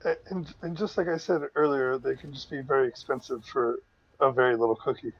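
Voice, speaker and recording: A man's voice: medium pitch, a little fast, breathy edge. Joking man with dull lo-fi sound. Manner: joking, deadpan one-liners. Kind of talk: casual chat.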